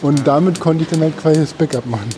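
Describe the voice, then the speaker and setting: Man, podcast co-host, slightly higher mellow voice, chatting on foot with faint street noise behind. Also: fast. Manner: talking while walking outdoors. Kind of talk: casual podcast chat. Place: outdoors on a city street. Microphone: wireless transmitter mic. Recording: clear urban street noise.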